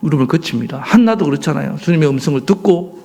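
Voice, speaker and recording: High lively pastor guy preaching, swoops all over, gravelly edge, keeps asking the crowd questions. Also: fast. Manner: emphatic, rhetorical questions to the congregation. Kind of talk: sermon.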